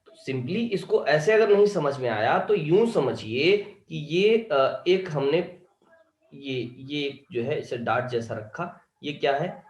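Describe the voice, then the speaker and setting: Male lecturer, slow and lively, keeps checking students follow; roomy sound. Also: fairly high pitch. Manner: keeps asking students if they understood. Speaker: teacher. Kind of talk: online lecture.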